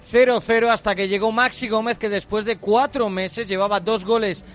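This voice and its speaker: A man's voice: sits high, steady tone, normal speed, a bit bright. A man with a Spanish accent from Spain giving a live radio report from a football match.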